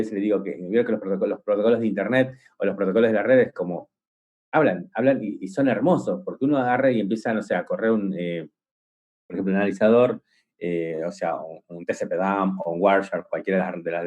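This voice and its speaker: This cybersecurity conference talk comes from a man whose voice is warm and on the low side. He rambles with enthusiasm, restarting often and using fillers, and leans on vivid examples drawn from everyday life.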